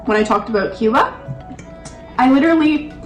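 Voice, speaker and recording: A young woman chatting casually over food, telling stories in an animated, giggly way. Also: high-pitched, fairly quick, recorded from a distance. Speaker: co-host of a mukbang Q and A. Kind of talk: casual chat while eating. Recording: roomy echo with music behind.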